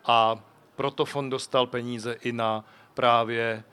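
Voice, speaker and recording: Smooth-voiced man explaining calmly. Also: mid-range voice. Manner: measured, explanatory, hesitant fillers. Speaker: foundation director, panel guest. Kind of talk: panel discussion answer. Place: outdoor street festival stage. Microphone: shared handheld microphone.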